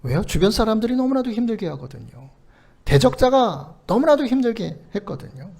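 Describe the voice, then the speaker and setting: A man preaching a sermon as pastor, earnestly quoting scripture with rising emphasis and explaining it in a gently coaxing way. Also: high voice, sing-song, brisk, vocal fry. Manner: gently coaxing, ends sentences with soft "거든요" and "요".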